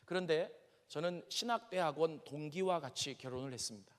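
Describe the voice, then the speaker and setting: A Korean pastor in his fifties from Seoul preaches in an animated, conversational way, telling personal stories and speaking straight to his audience. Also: a little high, brisk. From Seoul, South Korea. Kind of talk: sermon lecture with personal stories. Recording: long reverb of a large hall.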